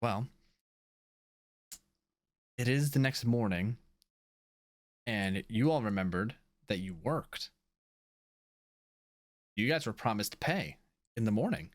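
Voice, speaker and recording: A man's voice: on the low side, expressive, slow, pauses often, no room sound. A man running a tabletop game as game master, narrating casually with lots of fillers.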